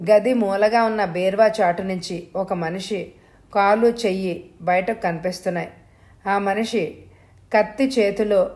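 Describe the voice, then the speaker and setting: Woman telling a spooky thriller story, slow and measured, builds tension line by line, mid-pitched voice. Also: a little mellow. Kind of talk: scripted suspense narration.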